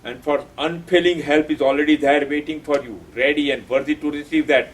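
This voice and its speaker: A man's voice: a little high, steady tone, a little fast, husky, poor audio. A man giving an earnest devotional talk on a poem, stressing his points by repeating key phrases. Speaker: spiritual teacher explaining a poem.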